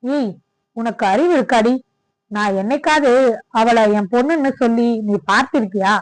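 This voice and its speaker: A woman voicing a gruff middle-aged father who answers in a curt, dismissive way. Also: a little high, moderate pace, no room sound, lightly acted, rough recording. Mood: irritated.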